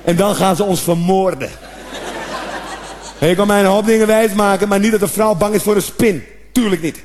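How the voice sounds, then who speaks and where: A man doing a stand-up comedy routine, animated, with sudden shouted outbursts and acted-out noises. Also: high voice, normal speed.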